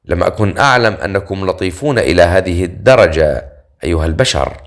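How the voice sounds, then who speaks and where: Anxious ghoul princess in a storybook, low-voiced guy reading her, quick warnings. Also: expressive. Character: proud female ghoul princess, worried. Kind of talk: audiobook character reading.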